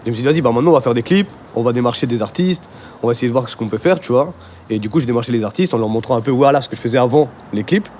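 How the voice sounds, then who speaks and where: His mid-range voice is a little mellow, with lively intonation and a racing pace, plus a faint hiss or hum on the audio. The speaker, an Argentine music video director who moved to France at thirteen, recounts his story in an informal, slangy interview style marked by conversational tags.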